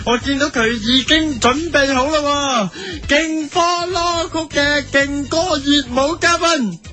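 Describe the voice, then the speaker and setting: A very high-pitched, pushed, bright voice moves slowly through a music chart countdown in a comedic radio sketch. The host, a man with a Hong Kong Cantonese accent, is playful and hyped and swaps among host voices.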